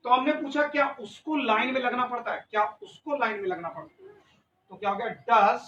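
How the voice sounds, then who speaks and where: Male classroom teacher, high bright voice, distant dull recording, drills students in repeat-after-me phrases. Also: brisk, slight background noise. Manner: drills students, repeatedly tells them to speak louder. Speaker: English teacher. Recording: echoey room, recorded from a distance, dull lo-fi sound.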